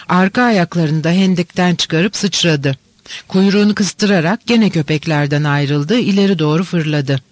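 Audiobook narrator, male, higher-pitched voice, steady measured reading, dry close sound. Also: no room sound. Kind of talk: reading a novel aloud.

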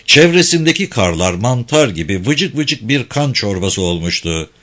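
A man narrating a war novel as an audiobook, with tense, expressive storytelling. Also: medium pitch, normal speed.

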